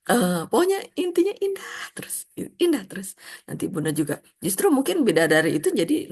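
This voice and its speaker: Gravelly-voiced woman giving a chatty faith lesson. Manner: chatty, animated, acts out quoted prayers in a high voice. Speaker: religious self-help trainer. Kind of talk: casual religious lesson.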